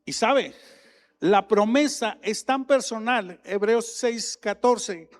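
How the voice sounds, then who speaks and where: Male preacher, high-pitched, emphatic sermon delivery, echoing church hall. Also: takes it slowly. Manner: emphatic, climbing louder on key points. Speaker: pastor. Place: church sanctuary. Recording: long reverb of a large hall.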